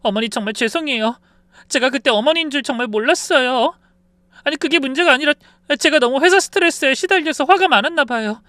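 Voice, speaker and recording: A man's voice: extremely high pitch, brisk, sharp tone, no room sound, pitched above the performer's own voice. A man voicing a tearful young woman who pleads for forgiveness in a storybook reading. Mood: tearful pleading. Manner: pleading, sobbing.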